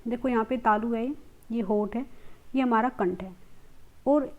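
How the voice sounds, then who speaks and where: Woman teacher, on the high side, patient lesson delivery that poses and answers its own questions. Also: muffled recording. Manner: explains step by step, repeats letter sounds slowly, asks and answers her own questions. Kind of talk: classroom grammar lesson.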